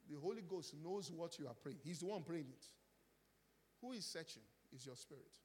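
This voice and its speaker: A man preaching a sermon, asking his congregation call-and-response questions, his voice swinging from loud emphatic peaks to low quiet passages. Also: lively intonation, normal speed, big-room sound, a little hiss or hum.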